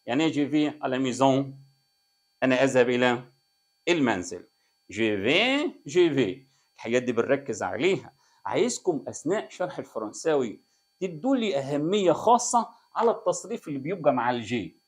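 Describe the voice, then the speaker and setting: Egyptian male French teacher, middle-aged, lively up-and-down delivery, classroom drill style. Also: medium pitch, quick pace. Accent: Egyptian Arabic. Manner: lively, repetitive drilling, asks "tamam keda?" often. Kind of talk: classroom-style lesson explaining French grammar.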